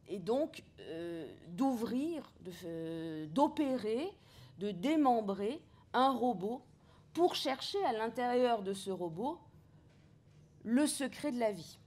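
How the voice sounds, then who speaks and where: A woman gives a seminar lecture, thinking aloud as she goes. She often stops on filler sounds and restarts her sentences, in a voice of middling pitch. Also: darkish tone. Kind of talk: academic lecture.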